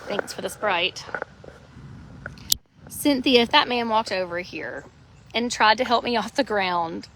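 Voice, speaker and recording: A woman's voice: mid-range voice, lively intonation, measured pace, pauses often, noisy background. A woman, chatting on a live stream from a hammock in her front yard on a handheld phone. She rambles, giggles and pokes fun at herself. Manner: giggly, rambling, self-mocking. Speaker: livestream host. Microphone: phone held in hand.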